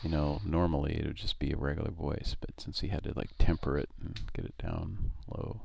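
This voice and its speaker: A man's voice: a bass voice, steady tone, fairly quick, gravelly, mellow, slight background noise. A man co-hosting a live show, chatting casually and often laughing, with rambling restarts. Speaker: podcast co-host. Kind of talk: casual prank-call commentary.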